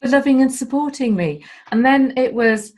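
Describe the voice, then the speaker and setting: A woman's voice: sits high, moderate pace, a little mellow. Emotional woman, candid and sweary. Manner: emotional, heartfelt, swears casually. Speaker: guest. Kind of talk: candid conversation.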